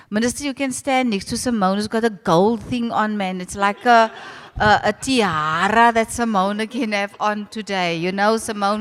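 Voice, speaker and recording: High-pitched South African woman in echoey hall. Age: older. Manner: animated, direct, addresses the audience familiarly. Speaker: host of a ceremony, arts centre leader. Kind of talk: informal public speech. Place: large reverberant venue at a public ceremony. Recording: echoey hall with long reverb.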